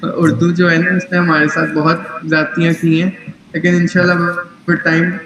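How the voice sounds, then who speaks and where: A man's voice: on the high side, level tone, a bit bright, roomy sound, slight background noise, rough recording. A man teaching tajweed in an online class, patient and corrective, mixing English phrases into his speech. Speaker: Quran recitation teacher.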